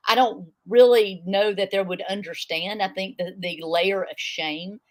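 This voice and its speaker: A woman's voice: medium pitch, steady tone, measured pace. A woman in her fifties with a thick American Southern accent, sharing personal experience as an interview guest in an open, rambling way. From southern United States. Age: 50s. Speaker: guest mental health advocate.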